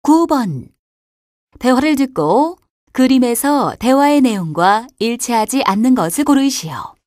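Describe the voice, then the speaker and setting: Woman announcer, reading exam instructions, very fast, high voice, dry studio. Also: sing-song, darkish tone, no room sound. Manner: brisk, formal instruction reading. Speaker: test announcer.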